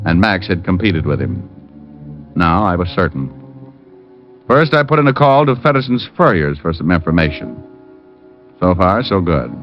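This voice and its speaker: In a hard-boiled old radio drama from the 1940s-50s, a male actor with a lowish voice and an American accent plays a wry, shrewd private detective, delivering first-person narration in a sardonic, needling, teasing manner. The recording is muffled, with music.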